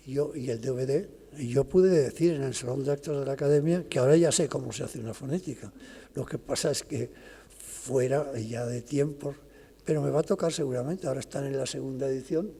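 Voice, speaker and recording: Gravelly older lecturer in a hall. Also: male voice, medium pitch, dark tone. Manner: explanatory, pauses and restarts mid-phrase. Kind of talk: academic lecture. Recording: long reverb of a lecture hall.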